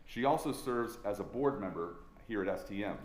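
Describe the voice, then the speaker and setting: A man working as an assistant chaplain hosts a faculty talk, reading a formal introduction in a measured, courteous way and then asking questions. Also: lowish voice, expressive, slight background noise. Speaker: assistant chaplain and interview host. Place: chapel center event space. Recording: echoey room with faint ambience.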